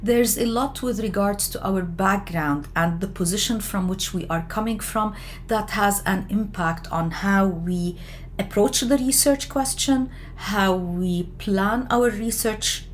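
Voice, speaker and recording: Woman from lebanon lecturing on research, mid pitch, lots of uhs and restarts, faint noise. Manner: measured, with frequent fillers and self-corrections. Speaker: education lecturer. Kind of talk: explanatory lecture.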